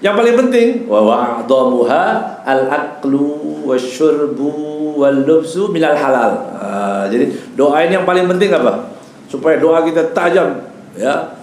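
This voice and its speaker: A man's voice: fairly high pitch, animated, a little slow, a little mellow, slight background noise. A man giving a mosque study talk as an Islamic preacher, explaining Arabic terms in casual speech and often adding a tag word. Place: mosque hall. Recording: echoey room with faint ambience.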